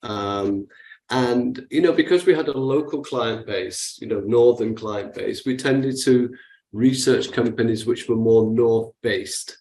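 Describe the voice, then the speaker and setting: A man in his sixties from Manchester, England, with a Manchester accent, answering interview questions in a halting way full of fillers and restarts. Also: medium pitch, a little mellow, echoey room, rough recording. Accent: Manchester English. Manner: hesitant, many fillers and restarts. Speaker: guest investor. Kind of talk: interview conversation.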